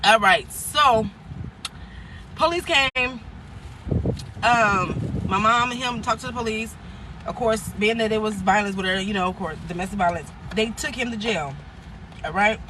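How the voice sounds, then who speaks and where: Against a noisy background, a woman vlogger speaks in a mid-range voice at a measured pace, pausing often. She's eating while she tells a personal story, loose and meandering, with restarts, laughter, and acted-out quotes.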